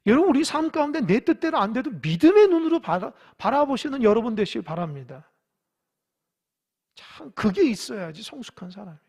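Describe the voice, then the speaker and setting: A male pastor preaching a sermon, swinging from loud urging to hushed whispers and asking the congregation questions. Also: very high-pitched, big pitch swings, fairly quick, creaky, breathy edge. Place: church sanctuary.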